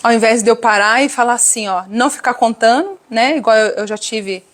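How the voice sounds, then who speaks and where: Animated Brazilian woman preaching to women. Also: on the high side, a little fast. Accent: Brazilian Portuguese. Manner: animated, addresses viewers directly, acts out quoted voices. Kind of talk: live-stream preaching to women.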